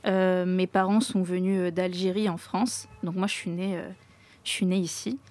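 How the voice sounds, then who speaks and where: A young woman talking in a relaxed, chatty way during a casual group discussion. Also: fairly low pitch, moderate pace. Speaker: discussion co-host.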